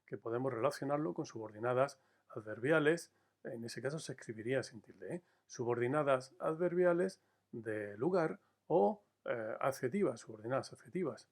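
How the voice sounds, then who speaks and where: Male teacher, mid-pitched, measured and explanatory, recorded lesson. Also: animated. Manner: measured, explanatory, stresses key words slowly; addresses students directly with frequent "eh" fillers.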